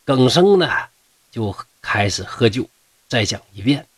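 A man's voice: mid-range voice, expressive, a little slow, slightly rough, no echo. A middle-aged man with a Northeastern Mandarin accent telling a classic tale in a folksy, joking way, with asides to his listeners. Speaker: storyteller. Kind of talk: comic folk-tale storytelling.

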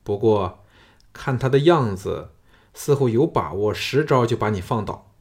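A man's voice: expressive, unhurried, darkish tone. Man voicing an earnest, cautious old counselor. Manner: earnest, urging, lowered confiding voice.

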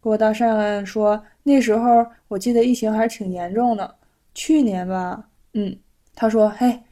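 A woman from China, telling a personal story vlog-style, animated and reenacting conversations with lots of exclamations. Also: mid-range voice, normal speed. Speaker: vlogger. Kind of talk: casual storytelling.

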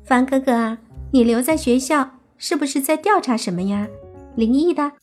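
A woman's voice: high voice, normal speed, soft background music. A woman voicing a playful teenage girl fox spirit in an audiobook, whining and wheedling sweetly. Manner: whiny wheedling, cute pleading. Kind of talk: audiobook character acting.

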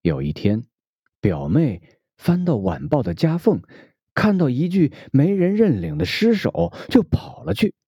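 沙哑低沉的男声慢读散文. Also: male voice, fairly low pitch, breathy edge, dry recording. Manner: slow, heavily expressive reading. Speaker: reader. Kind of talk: reading a prose essay aloud. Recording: dull dry lo-fi recording.

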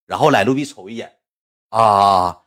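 A man telling stories on a livestream in a lively, rambling, exasperated way. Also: on the low side, moderate pace. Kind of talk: casual storytelling on a livestream.

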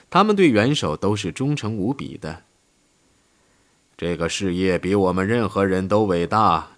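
Reading aloud from a history audiobook, a man keeps his scripted narration steady while his voice, pitched on the low side, lifts for quotations.

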